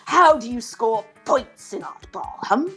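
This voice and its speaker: A woman voicing a hearty, folksy tiger gym coach with a husky voice and homespun sayings. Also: fairly high pitch, expressive, a little slow, a bit bright, faint music behind, full character voice.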